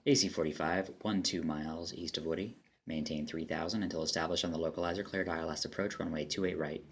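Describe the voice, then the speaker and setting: A man's voice: very deep voice, steady tone, fast talker. A man speaking as an air traffic controller, mixing clipped phraseology with casual commentary. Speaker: air traffic controller player and demo narrator.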